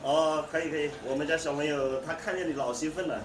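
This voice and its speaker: A man's voice: on the high side, fairly even intonation, fast talker. A man from China chatting casually as a father, asking questions and instructing like a parent. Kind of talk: casual chat. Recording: echoey, clear background noise.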